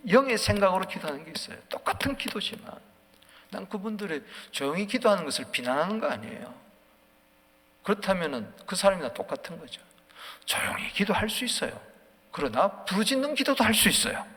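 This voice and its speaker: A man preaching at a dawn prayer service, swinging from quiet musing to loud, fervent calls. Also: high-pitched, big pitch swings, a little fast, husky. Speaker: pastor. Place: church sanctuary. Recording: long church hall reverb.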